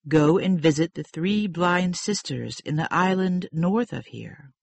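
A man voicing a wise, stately goddess in a storybook reading, speaking in a solemn, slow and commanding way. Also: on the high side, gravelly, dry recording, pitched above the performer's own voice.

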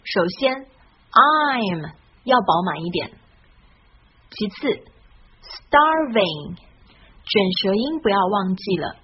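A woman hosting an English pronunciation lesson, speaking in a friendly, encouraging, scripted way and stretching out model words slowly. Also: medium pitch, sing-song, highs cut off, a little hiss or hum.

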